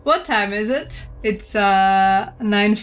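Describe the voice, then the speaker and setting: A woman's voice: mid-range voice, takes it slowly, faint music behind. A woman narrating as game master in a tabletop game, often laughing between lines.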